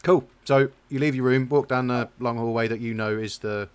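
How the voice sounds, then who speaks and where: A man's voice: mid-range voice, steady tone, moderate pace, clean tone. A man narrating a tabletop game as game master, loose and chatty with asides.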